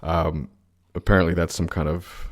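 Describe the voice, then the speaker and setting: A man's voice: sits low, level tone, normal speed. A man co-hosting a podcast, chatting bluntly and at length about the year's news, swearing now and then. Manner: blunt, rambling, swears casually. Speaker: podcast co-host. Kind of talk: casual political chat.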